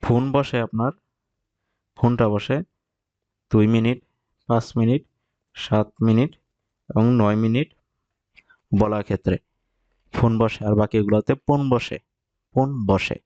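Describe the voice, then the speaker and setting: Low, mellow-voiced man teaching slowly. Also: fairly even intonation, no room sound, muffled recording. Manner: explains step by step, repeats example phrases slowly. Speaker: Japanese language teacher. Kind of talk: recorded vocabulary lesson.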